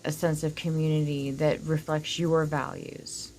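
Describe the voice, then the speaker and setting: A woman with a low voice and a whistling s talks casually to her viewers as she reads oracle cards. Her delivery is slow and wandering, with informal asides and some swearing. Faint noise sits behind the voice. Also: flat delivery, darkish tone. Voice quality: whistling s from dental work. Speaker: oracle card reader, host. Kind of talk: casual card reading to viewers.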